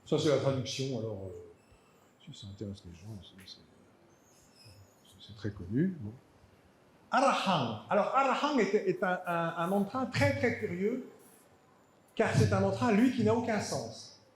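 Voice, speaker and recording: A man's voice: high voice, expressive, measured pace, long pauses. A man giving an academic lecture, hesitant and repeating words, with dry asides. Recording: echoey hall.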